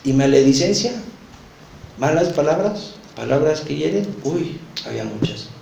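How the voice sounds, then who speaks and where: A man's voice: on the high side, lively intonation, normal speed, creaky, warm tone, a little hiss or hum. A man with a Mexican accent teaching a Bible study, earnest and confessional, speaking straight to the listener. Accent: Mexican Spanish. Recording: roomy echo.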